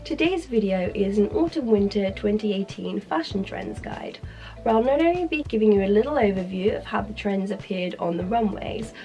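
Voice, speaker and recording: A woman's voice: medium pitch, warm tone. A British woman presenting a fashion guide in a chatty, informal way, her voice strained and sick-sounding from a sore throat. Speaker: fashion video creator. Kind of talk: upbeat scripted fashion guide to camera.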